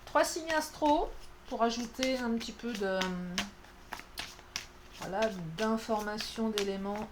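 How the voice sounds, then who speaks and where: A woman's voice: a little high, fairly even intonation, takes it slowly, noisy background. A woman doing a casual, playful card reading, chatty and self-mocking with lots of fillers. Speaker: tarot card reader.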